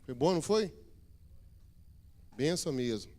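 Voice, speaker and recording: A pastor addresses his congregation during a weekday church service. His man's voice sits a little high. He jokes with the people and turns emphatic when he preaches. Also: expressive, measured pace, dark tone. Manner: chatty, joking with the congregation. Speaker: regional pastor.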